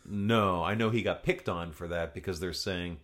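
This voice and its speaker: A man's voice: sits low, normal speed, fairly bright tone. A man hosting a podcast in casual chat, with a joking, conversational and somewhat hesitant delivery. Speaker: podcast host.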